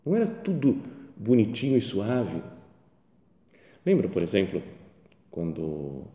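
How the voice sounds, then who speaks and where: A man with a Brazilian Portuguese accent preaches in a relaxed, colloquial way, sliding his pitch up and down as he acts out quoted prayers. His tone is mellow and dark. The voice rings through a large hall with a long, trailing reverb. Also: unhurried. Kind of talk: conversational sermon meditation.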